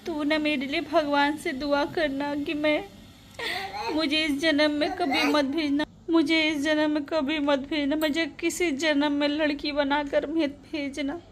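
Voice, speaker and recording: A woman's voice: high-pitched, flat delivery, measured pace. A woman voicing a mistreated young daughter who answers meekly and pleads through tears. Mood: tearful. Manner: meek, pleading, sobbing. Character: mistreated teenage daughter, meek and tearful.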